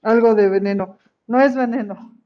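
A woman's voice: on the high side, moderate pace, mellow. Encouraging woman teacher, lo-fi audio. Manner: encouraging, checks with "¿vale?". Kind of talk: online class.

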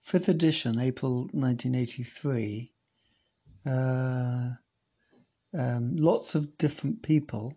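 A man's voice: mid-range voice, takes it slowly, warm tone, husky. A man hosting a podcast, reading old archive files aloud with casual, self-correcting asides. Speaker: podcast host.

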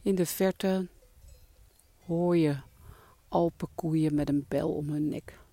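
A meditation guide with a mellow, creaky voice speaks very slowly and softly. The delivery is calming and breathy, often sinking toward a whisper, as in a guided relaxation. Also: mid-range voice, no room sound.

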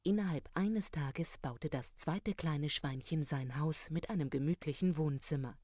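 A storyteller reading a fairy tale aloud in a calm, even manner. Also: medium pitch, a little slow, no room sound, studio quality.

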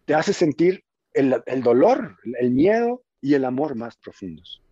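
A man telling a story and musing in casual conversation, animated and emphatic, often restarting his phrases. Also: a little high, measured pace, breathy edge, dry recording. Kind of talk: storytelling and reflective chat. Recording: dull muffled audio.

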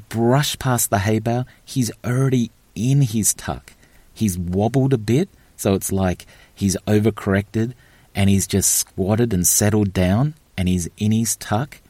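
A man with a low, mellow voice tells a story with eager, rambling energy, full of "like" and "you know". He is recorded close and dry, with no room sound. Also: no echo. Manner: enthusiastic, rambling with fillers and restarts. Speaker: event organiser. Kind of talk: animated storytelling.

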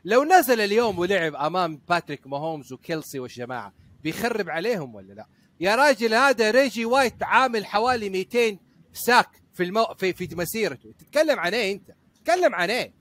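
A man, co-hosting a sports podcast, arguing excitedly and restarting his sentences. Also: sits high, fast, no echo. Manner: excitable, argumentative, trails off and restarts. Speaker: podcast co-host. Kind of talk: heated casual sports debate.

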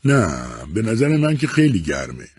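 A man's voice: mid-range voice, a bit bright, breathy edge, no room sound, voice pushed up. A man voicing a cheerful, carefree young wife in a read-aloud story. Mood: lively.

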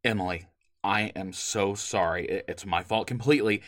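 A man's voice: on the low side, normal speed, no echo, studio quality, lightly acted. An actor playing a weary radio host who talks hesitantly and restarts his sentences. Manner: hesitant, apologetic, restarting often. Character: weary male late-night radio host.

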